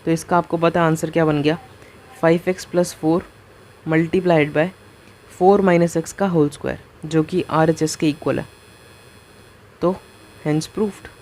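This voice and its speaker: Guy teaching math on a whiteboard, chatty, keeps asking "what's left?", soft mellow tone. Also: a little high, fairly even intonation, unhurried, long pauses, slight background noise. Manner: conversational, keeps asking the viewer rhetorical questions; talks through each step while writing. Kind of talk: casual whiteboard lecture.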